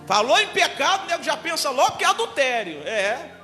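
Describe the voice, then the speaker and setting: A Brazilian man preaches as pastor in a very high, bright voice that swings all over the place. He tells his story with forceful emphasis and sometimes rises to a shout. The church hall gives a long echo, with faint music behind him. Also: brisk. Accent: Brazilian Portuguese. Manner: emphatic and animated, builds to shouting. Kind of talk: sermon told as a personal story.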